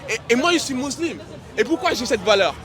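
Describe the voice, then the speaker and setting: A high-voiced man from Senegal debates earnestly on a city street. He speaks haltingly and often restarts his sentences, with a faint crowd murmuring around him. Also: big pitch swings, over music. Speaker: passerby.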